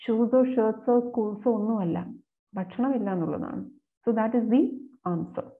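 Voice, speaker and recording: Woman teacher on a tinny phone-like line. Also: on the high side. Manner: reads questions slowly, then explains quickly. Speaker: exam coaching teacher. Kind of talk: explaining exam questions, mixing Malayalam and English. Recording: phone-like narrow sound.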